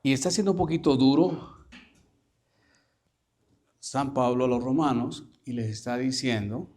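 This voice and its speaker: A male priest giving a sermon, asking the congregation questions and repeating lines slowly for emphasis. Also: mid-range voice, darkish tone. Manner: questioning the listeners, slow emphatic reading.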